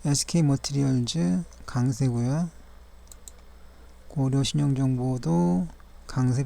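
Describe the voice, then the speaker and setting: Gravelly, mellow-voiced man reviewing stock charts. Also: mid-range voice. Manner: measured, formal and polite, pauses to correct himself.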